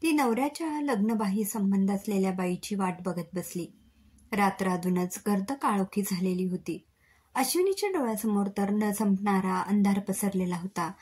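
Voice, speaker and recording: A woman's voice: mid-range voice, normal speed, darkish tone, husky. A woman narrating an emotional story, reading it dramatically and acting out the dialogue.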